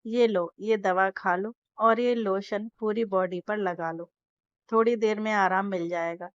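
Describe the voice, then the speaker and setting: A woman's voice: mid-range voice, fairly even intonation, a little slow, lightly acted. A woman reading a smug, teasing young man. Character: cocky teasing young man, playful rival-husband. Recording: dull lo-fi dry recording.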